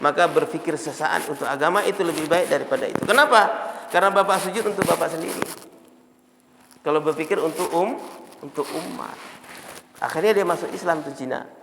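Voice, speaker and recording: A middle-aged man preaching informally, telling lively stories and quoting Arabic verses. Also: on the high side, brisk, vocal fry, pauses often. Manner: animated storytelling, quotes Arabic verses. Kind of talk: informal religious talk with anecdotes. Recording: echoey hall with faint background noise.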